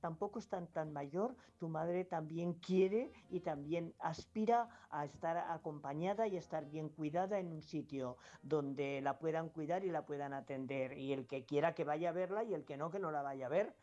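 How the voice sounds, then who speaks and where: Over a muffled lo-fi phone-in line with faint background music, a grandmother from La Mancha in her fifties insists on her advice, repeating and hesitating often. Her voice is deep and dark, her pace moderate, with barely any pauses, and her accent is from Spain.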